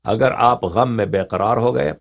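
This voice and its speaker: A religious scholar calmly explaining a ruling, matter-of-fact. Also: male voice, mid-range voice, vocal fry.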